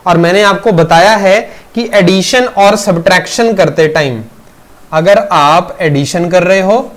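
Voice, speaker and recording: A male physics teacher with a fairly high voice leads a classroom lecture one step at a time, recorded as a teaching video. He speaks Hindi mixed with English terms, calls his students "beta," and keeps asking questions to check they're following.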